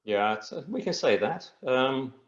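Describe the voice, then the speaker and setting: A man's voice: mid-range voice, animated, a little slow, lo-fi sound. A middle-aged man from Tanzania, a guest speaking in an earnest, reflective and meandering way in a casual interview over a video call.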